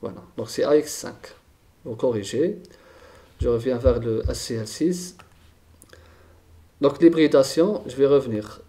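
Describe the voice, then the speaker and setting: A man's voice: medium pitch, measured pace, pauses often, mellow. A man teaching a chemistry lesson, thinking aloud and repeating key terms, often checking with "d'accord?".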